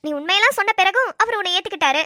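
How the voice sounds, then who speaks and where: Cartoon: woman playing a blunt, carefree young friend; very high, dry close voice, brash delivery. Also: lively intonation, rapid-fire, sharp tone, no room sound, full character voice. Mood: dismissive. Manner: brash, dismissive. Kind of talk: amateur cartoon voice acting.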